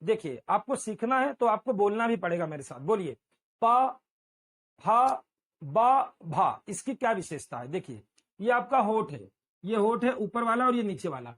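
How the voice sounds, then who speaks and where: A male teacher giving a classroom lecture, drilling syllables aloud and urging students to repeat after him. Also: high-pitched.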